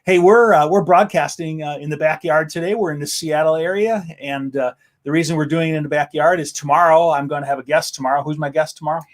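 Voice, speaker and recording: A man's voice: fairly high pitch, fairly even intonation, fast talker. An American man hosting a casual, enthusiastic live-stream chat outdoors in a backyard. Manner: upbeat, enthusiastic. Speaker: host.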